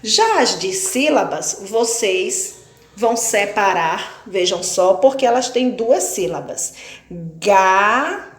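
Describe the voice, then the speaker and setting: A woman with a Brazilian accent teaching a second-grade class, slowly breaking words into syllables. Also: medium pitch, animated, reverberant. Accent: Brazilian Portuguese. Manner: slow, deliberate, spells words out syllable by syllable. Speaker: primary school teacher. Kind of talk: recorded online lesson.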